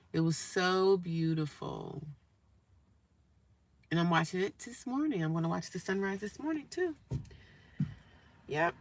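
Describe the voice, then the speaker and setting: A woman's voice: fairly low pitch, fairly bright tone. A woman chatting casually with viewers on a live stream from a parked car, repeating herself and reading comments aloud. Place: parked car beside a highway. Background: faint traffic noise.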